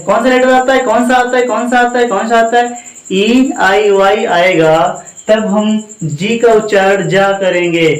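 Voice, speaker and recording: A man gives a classroom lesson in a high voice. He quizzes again and again and answers his own questions. The room is echoey. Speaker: English teacher.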